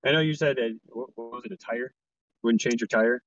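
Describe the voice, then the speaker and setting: A man with an ordinary mid-range voice talks casually in a podcast discussion, rambling through his points with the odd swear word. His sound is dry and dull, like a lo-fi online call. He sounds down to earth and unhurried. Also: mid-range voice, a bit bright, no room sound. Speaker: podcast co-host. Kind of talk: casual chat.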